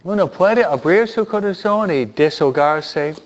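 A man preaching a sermon, animated and repeating phrases for emphasis. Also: fairly high pitch, slow pace, highs cut off, a little hiss or hum.

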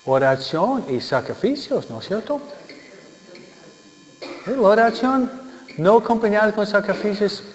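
A male preacher delivers a joking sermon, often checking in with his listeners. He speaks slowly in a fairly high voice. The sound is dull and lo-fi, with long reverb from a large hall. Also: expressive. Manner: jokey, keeps asking the listeners "¿no?". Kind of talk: humorous sermon.

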